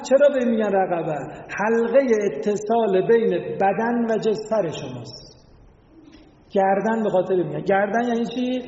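A man with a high-pitched, warm voice gives a religious lecture, explaining what words mean and posing rhetorical questions to his listeners. The recording is echoey, from a hall, with a dull lo-fi quality.

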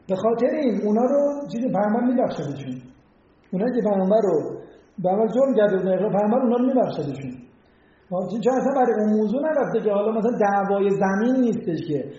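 High-voiced man lecturing in an echoey room. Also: warm tone. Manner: conversational, asks rhetorical questions. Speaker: religious speaker. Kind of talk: informal religious lecture. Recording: very echoey, dull lo-fi audio.

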